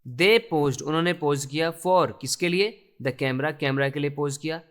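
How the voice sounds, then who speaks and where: A man teaching English from a newspaper, reading each phrase slowly and explaining it in Hindi. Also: a little high, fairly bright tone, smooth. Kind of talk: explaining a newspaper text line by line.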